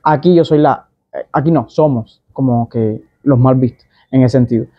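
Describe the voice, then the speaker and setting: A man's voice: mid-range voice, normal speed, slightly rough, dry recording, dull audio. A young man with a Cuban Spanish accent, talking casually to camera as a vlogger and explaining things with many asides and examples. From Cuba.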